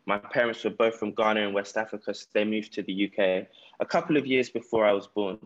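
South london guy chatting in an interview, lowish voice, bit of a dull lo-fi recording. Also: steady tone, fast talker. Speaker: podcast guest, entrepreneur. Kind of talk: conversational interview answers, personal storytelling. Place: remote call from Ghana.

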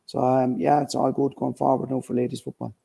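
Husky Kerry man, low-key and even. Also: fairly quick. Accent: west of Ireland, Kerry. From County Kerry, Ireland. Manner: conversational, repeats phrases like "you know" and "look". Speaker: football team manager. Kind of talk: casual sports interview.

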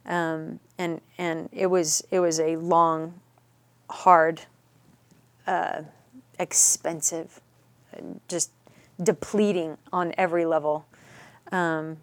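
A middle-aged woman telling a personal story as a podcast guest, earnest and halting, sometimes dropping to a near whisper. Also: fairly low pitch, clean tone, no room sound.

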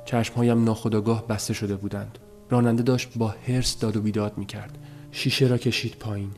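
A man narrating a story as an audiobook, in a measured, subdued telling. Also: on the low side, little pitch movement, a little mellow, faint music behind.

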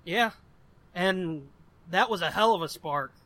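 Unhurried yet forceful, this American podcast host in his twenties has a high-pitched, bright voice. He chats casually and rambles through personal stories with plenty of swearing.

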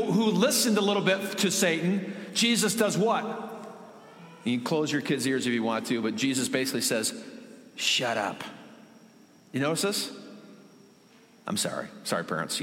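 A man's voice: mid-range voice, fairly bright tone. Male pastor, sermon: conversational with joking asides, emphatic on key points, echoey room. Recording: echoey hall with long reverb.

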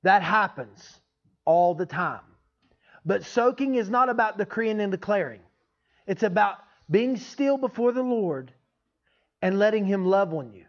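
A man's voice: high voice, lively intonation, a little slow. A man giving an informal, folksy teaching sermon as a preacher, often checking in with his listeners. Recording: dull, lo-fi sound.

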